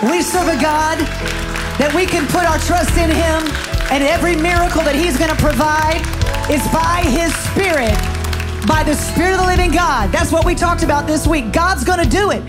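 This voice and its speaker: A woman pastor preaches in a very high, rousing voice, urging her congregation on. A worship band plays loudly beneath her, and the congregation answers back loudly. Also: moderate pace, over loud music, over a noisy crowd. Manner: rousing and exhorting. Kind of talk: preaching over worship music.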